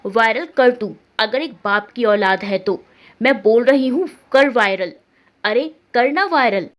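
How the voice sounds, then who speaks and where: A fierce young woman shouts defiance in a spoken story, voiced by the woman narrator. Her voice sits fairly high and cuts hard. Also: animated, a little slow. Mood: defiant.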